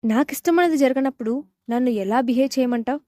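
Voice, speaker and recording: A woman's voice: sits high, fast, warm tone, no room sound, studio quality, close to an everyday voice. A woman reading the part of a stubborn, defiant young woman in a romance audio story, speaking with threats and demands. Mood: angry.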